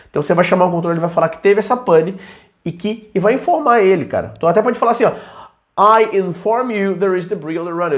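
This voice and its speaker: A man teaching aviation English to pilots in an informal video lesson. His voice sits high for a man, and he talks in a chatty, lively way, now and then mimicking a student's questions. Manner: chatty, slips into English examples slowly and acts out students.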